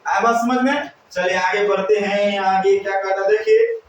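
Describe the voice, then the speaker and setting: A man's voice: high voice, very animated, moderate pace, dull audio, a little hiss or hum. A male teacher giving a classroom lesson, drilling students with repeated questions and call-and-response. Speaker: English teacher. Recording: echoey room, mic far off.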